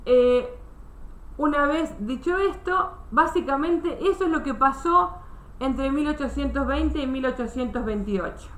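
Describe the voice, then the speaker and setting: High bright woman teacher, echoey call. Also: a little slow. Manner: explains step by step, many restarts, checks understanding. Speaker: history teacher. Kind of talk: online class explanation.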